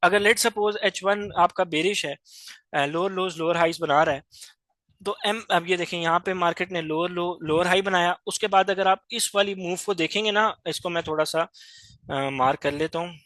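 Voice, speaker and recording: A man's voice: high-pitched, normal speed, a bit bright, no echo. A man teaching a chart lesson over a screen share, explaining step by step and repeating key points. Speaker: trading teacher.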